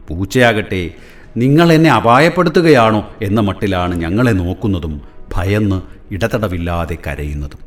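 A man narrating a story for a school lesson in a wry, reflective first-person manner. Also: low voice.

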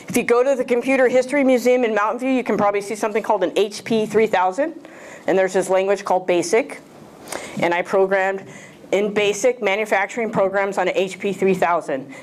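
A guest speaker, a woman in her fifties with a mid-range voice, gives a casual, jokey talk to a club audience in a small lecture room. Holding a handheld mic, she frequently asks the room questions.

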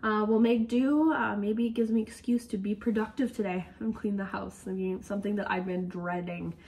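A woman's voice: medium pitch, fairly even intonation, moderate pace, a little mellow, far from the mic, slight background noise. A woman vlogging in a casual, rambling way, worn out and fighting a head cold. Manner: rambling, tired. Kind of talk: casual vlog chat.

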